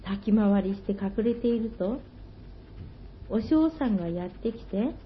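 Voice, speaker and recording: A woman telling an old folktale slowly and gently, in old-fashioned storytelling phrasing. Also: mid-range voice, expressive, slight background noise. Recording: dull lo-fi recording.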